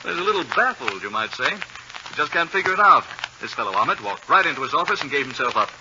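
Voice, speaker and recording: An actor playing an amused, wry gentleman sleuth in a 1940s radio drama. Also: on the high side, very animated, fast. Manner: light, wry. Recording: muffled, noisy 1940s radio recording.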